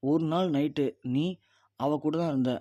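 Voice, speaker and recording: A man voicing a scheming woman who keeps accusing her younger brother's wife, read in his own mellow voice. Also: a little high, steady tone, measured pace, dry recording, highs cut off, close to an everyday voice. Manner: insistent, accusing.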